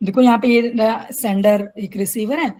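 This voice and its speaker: A woman teaches a live online class, and her voice sits a little high. She reads English definitions slowly and then explains them in quick Hindi. She often stops to check that her students have understood. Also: steady tone, dark tone, low-quality recording. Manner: asks checking questions. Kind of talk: online lecture. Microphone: video call.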